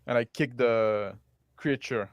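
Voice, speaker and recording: A man role-playing casually as a tabletop game player, halting and repeating his words. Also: mid-range voice, a little hiss or hum. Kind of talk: casual in-character role-play.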